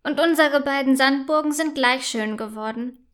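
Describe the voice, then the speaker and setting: A woman's voice: high-pitched, close to an everyday voice. A woman doing a sulky little sister girl. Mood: shy, friendly. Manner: sulky, quick to take offense. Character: touchy, stubborn younger sister girl.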